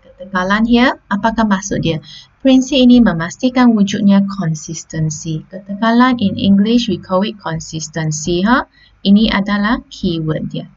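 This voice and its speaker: A woman's voice: mid-range voice, dull audio. A Malaysian woman teacher taking students through a lesson step by step, often checking in with "okey" and "ha?". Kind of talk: classroom lesson on slides.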